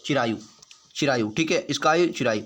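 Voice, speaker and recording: A man's voice: mid-range voice, animated, brisk, a bit bright. A man teaching an exam practice lesson, quizzing his viewers and repeating each answer several times.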